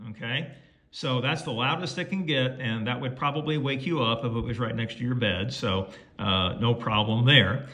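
Speaking at a normal speed in a mid-range voice, a man presents a how-to video, casually and folksily talking himself through each step. The setting is indoors at home beside a tabletop radio, captured in a clearly noisy recording with clicks.

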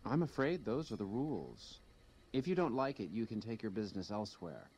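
An actor playing a courteous, unbending, snobbish casino greeter in a video game, formal and polished. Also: male voice, lowish voice, sing-song, a little fast, a little mellow, breathy edge. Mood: polite, firm. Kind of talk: video game character dialogue.

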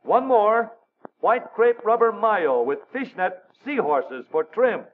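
A man's voice: high voice, expressive, a little slow, narrow, tinny audio. Scratchy 1930s newsreel announcer, man. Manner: wry, showy announcer delivery with asides. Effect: old newsreel sound. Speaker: newsreel narrator.

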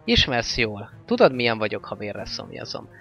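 A man's voice: on the low side, very animated, gravelly, a bit bright, heavily acted. Grom, a man reading as a stern orc warlord. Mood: grim. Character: fierce male orc warlord, weary and commanding. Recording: slightly dull lo-fi with faint music.

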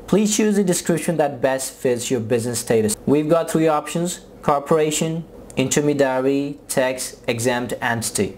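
A man's voice: mid-range voice, a little mellow, slight background noise. A young man from Pakistan with a Pakistani English accent, walking viewers through a screen tutorial and explaining each step twice. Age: young adult. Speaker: tutorial presenter. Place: small room indoors.

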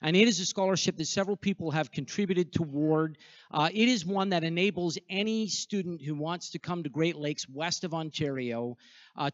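A man's voice: fairly high pitch, dry recording. Middle-aged male school rep, sincere and thankful, handheld mic, muffled dry audio. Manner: earnest, grateful. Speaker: school representative. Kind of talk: fundraising appeal to a congregation. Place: church sanctuary in front of a choir. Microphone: handheld microphone. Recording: dull, dry sound.

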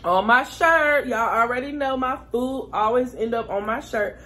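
A woman with a highish, pushed and bright voice talks at a moderate pace while eating, chatting easily with her viewers. This is a casual, relaxed mukbang vlog.

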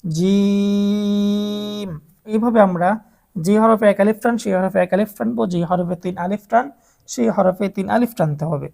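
A woman with a mid-range, creaky, somewhat dark voice speaks fairly quickly. She is teaching adult beginners to read the Quran, patiently drawing out each letter sound and coaching listeners to repeat after her in a slow, step-by-step recitation lesson.

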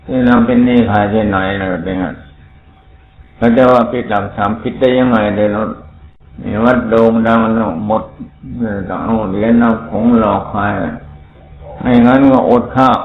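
A man's voice: fairly low pitch, fairly even intonation, normal speed. A man preaching a sermon as a monk, in a rambling, conversational way. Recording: phone-like, roomy, faint noise.

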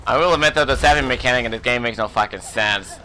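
A man commenting on his own gameplay, swearing a lot and yelping and shouting whenever he panics. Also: medium pitch, fast talker, a little hiss or hum. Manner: excitable, profane, yelps and shouts in panic. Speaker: let's play host.

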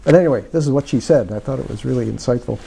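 Mellow-voiced older man, reflective author. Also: medium pitch, very fast, gravelly, slightly rough. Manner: reflective, meandering, lots of fillers. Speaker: author being interviewed. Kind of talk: casual conversation. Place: small parlor-style room indoors. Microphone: lapel mic.

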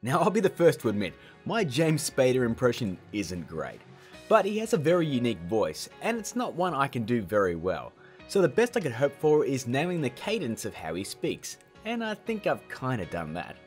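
A man with a medium-pitched voice and huge pitch swings hosts a tutorial at normal speed. He mixes scripted narration with chatty, informal asides over background music.

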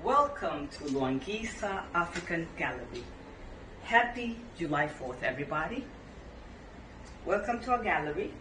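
A middle-aged woman from Tanzania, a gallery owner giving a guided tour of her shop with a friendly sales pitch. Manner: warm sales pitch, showing items. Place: indoor gallery in a home. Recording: roomy and distant with background noise.

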